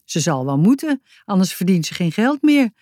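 A woman voicing a calm, matter-of-fact girl in a children's audiobook. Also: mid-range voice, moderate pace, dry recording, studio quality, lightly acted.

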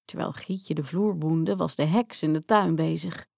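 A woman calmly reading a fairy tale aloud. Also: low-pitched, a little slow, vocal fry, no room sound, studio quality. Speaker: storyteller.

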